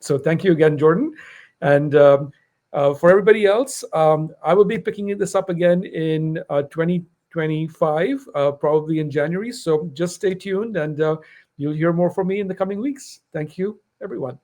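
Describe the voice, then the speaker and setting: A man's voice: on the high side, normal speed. Appreciative man podcast host. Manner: warm praise, frequent "um". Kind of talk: interview conversation.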